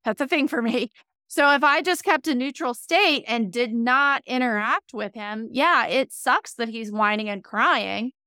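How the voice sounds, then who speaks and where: A woman who works as an animal communicator, calmly explaining and advising in a podcast conversation. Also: on the high side, smooth, no echo, clean studio sound.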